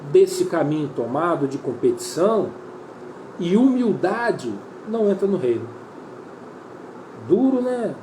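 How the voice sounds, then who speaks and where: A man's voice: sits high, warm tone, slight background noise. A man preaching a sermon with a Brazilian Portuguese accent, earnest and repetitive, often calling his listeners brother. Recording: roomy echo with faint ambience.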